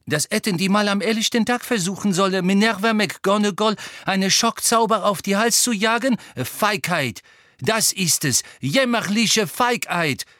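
A male audiobook narrator voicing a brisk middle-aged female school nurse, sharp and scolding. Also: medium pitch, expressive, husky, no echo, studio quality. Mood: indignant. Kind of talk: audiobook character voice.

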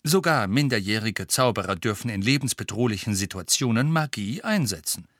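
A calm, soft-spoken wizard who speaks in a measured way, read by a man in a storybook reading. The recording is dry. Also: lowish voice, dry recording. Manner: quiet, measured.

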